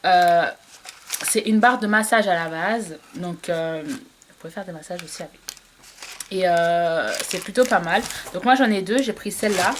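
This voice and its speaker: A woman's voice: fairly low pitch, normal speed, background noise. A woman chatting casually to camera about beauty products she bought, hesitating often with fillers and restarts. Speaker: beauty vlogger. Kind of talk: casual product haul review.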